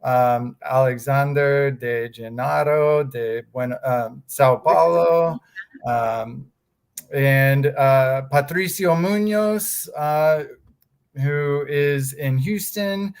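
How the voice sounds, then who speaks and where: Speaking very slowly in a creaky, clean-toned voice of medium pitch, a thirtysomething man from Texas appears as a guest in an interview. He's on staff at a fraud examiners association, and his casual talk is full of fillers and restarts.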